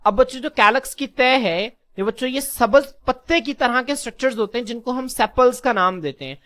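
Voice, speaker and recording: In a classroom lecture, a man with an extremely high, slightly bright voice addresses his listeners as children. He poses questions and answers them himself, slowly repeating the key terms.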